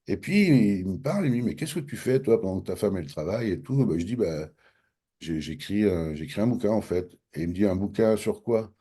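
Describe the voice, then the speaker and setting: Fairly quick and slightly breathy, a low-voiced man from France with a French accent recounts a personal story during an interview. He's animated, playing out both parties in old dialogues as casual storytelling.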